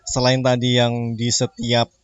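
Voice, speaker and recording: A man's voice: mid-range voice, monotone, measured pace, clean tone, dull audio. A man co-hosting a casual podcast chat, often agreeing and repeating his partner's points. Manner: agreeing, echoes partner's words. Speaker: podcast co-host.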